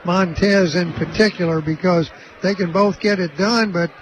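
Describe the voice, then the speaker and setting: A man's voice: high voice, steady tone, moderate pace. A male color commentator giving casual, agreeing basketball analysis, taped off a radio broadcast. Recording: dull lo-fi radio broadcast with faint noise.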